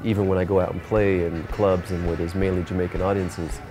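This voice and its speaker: Deep-voiced laid-back man over music. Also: level tone, fairly quick. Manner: laid-back, often adds "you know". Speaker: reggae musician being interviewed. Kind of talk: reflective interview monologue. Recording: clear music playing behind the voice.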